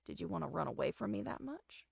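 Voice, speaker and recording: A cold, possessive young man from a romance game speaks low and controlled, his threats quiet and even, as a woman acts him out. The voice carries a gravelly edge and sits close and dry on the mic. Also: quick pace, dry recording, exaggerated voice. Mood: cold, commanding. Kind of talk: game dialogue voice acting.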